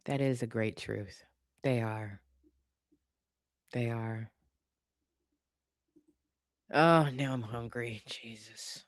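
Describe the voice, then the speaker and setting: A livestream host with a medium-pitched voice chats off the cuff with viewers, stretching out words and leaving long pauses. She's sassy and opinionated, using colloquial language as she reacts to comments. The studio audio is clean, with no room sound.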